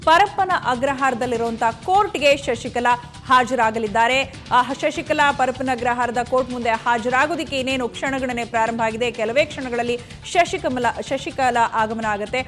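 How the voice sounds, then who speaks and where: A fairly high-voiced woman with a Kannada accent anchors live breaking news. She keeps repeating the latest updates in an urgent tone, filling pauses with drawn-out fillers. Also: a bit bright, faint music behind. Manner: repetitive, urgent, with frequent fillers.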